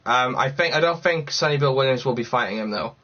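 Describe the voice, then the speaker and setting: Speaking fast in a bright, forceful mid-range voice, this Cardiff man rambles and thinks aloud on a casual livestream while responding to viewers' comments. The audio is slightly dull and lo-fi.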